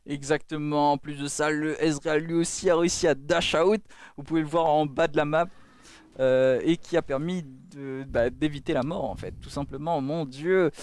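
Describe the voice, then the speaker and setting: A man casting an esports match with excitement. His voice sits high and comes through smooth and crisp. He punctuates the play-by-play with repeated exclamations. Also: moderate pace, dry recording. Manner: exclamatory, with repeated cries of dismay and amazement. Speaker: esports caster.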